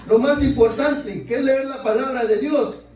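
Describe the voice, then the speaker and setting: Male preacher, very high voice, heard from a distance in a reverberant sanctuary, sermon delivery full of "brothers" and questions. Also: moderate pace. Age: adult. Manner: keeps addressing listeners as brothers, asks rhetorical questions. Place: church sanctuary. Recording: echoey church, mic far off.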